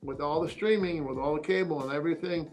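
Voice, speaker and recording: A man's voice: fairly high pitch, fast talker, darkish tone, faint music behind. A man giving blunt, emphatic advice as an interview guest.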